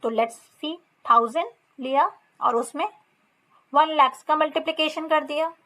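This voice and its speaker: Indian woman, maths teacher, high voice, step-by-step lesson talk. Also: bright, forceful tone. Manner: reads textbook lines slowly, explains in mixed Hindi and English. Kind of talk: classroom lesson explanation.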